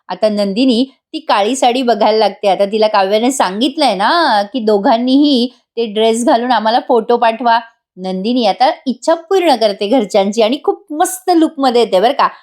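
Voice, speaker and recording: A woman recapping a TV serial episode in a voice-over review, chatty and excited, laughing often. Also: fairly high pitch.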